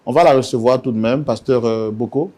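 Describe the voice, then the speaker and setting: Measured, lower-voiced male talk show host. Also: darkish tone. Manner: formal, measured, with frequent "euh" pauses. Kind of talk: hosting a studio talk show. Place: TV studio set.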